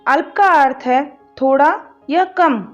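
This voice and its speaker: A woman teaching a grammar lesson, explaining each point and reading example sentences slowly and deliberately. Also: high-pitched. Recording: dull lo-fi sound with faint music behind.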